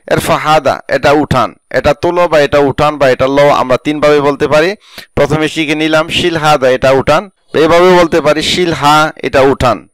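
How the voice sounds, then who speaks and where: A man with a Bangladeshi Bengali accent giving a spoken Arabic language lesson, repeating each phrase slowly and then translating it. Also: on the high side, no room sound. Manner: slow repetition of phrases with translations.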